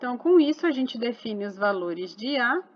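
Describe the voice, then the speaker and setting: A woman's voice: on the high side, animated, moderate pace, highs cut off. A woman explaining a math exercise step by step, patient and asking rhetorical questions as she goes. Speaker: math teacher.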